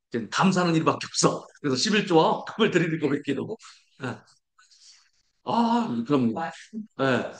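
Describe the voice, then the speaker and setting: A pastor delivers a sermon in a notably high voice. He pairs rhetorical questions with their own answers and leads the congregation in repeating declarations. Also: a bit bright.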